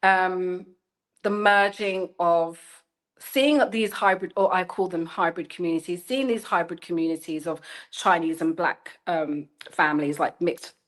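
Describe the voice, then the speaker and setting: Unhurried and fairly low-pitched, a woman in her thirties who works as a journalist and storyteller in China talks reflectively as an interview guest. Her speech is searching, full of restarts and repeated "you know"s.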